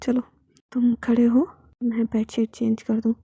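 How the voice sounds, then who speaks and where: A woman voicing a calm, protective young husband who teases softly and speaks low, in a storybook reading. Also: a little slow, husky, no room sound, muffled recording. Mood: teasing. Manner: soft, low-spoken, teasing.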